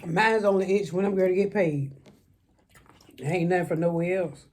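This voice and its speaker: A woman's voice: lowish voice, background noise. A middle-aged woman, bantering casually over food and talking back sassily as she chews. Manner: chewing while talking; sassy, quick to talk back. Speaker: mukbang co-host.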